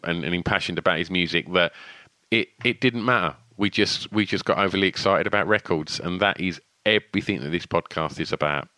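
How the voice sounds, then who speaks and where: Bright, forceful Essex man hosting a podcast. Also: sits low, no room sound. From Essex, England. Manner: effusive, matey, informal slang. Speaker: podcast host. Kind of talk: casual, chatty podcast talk. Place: small room at home, alone.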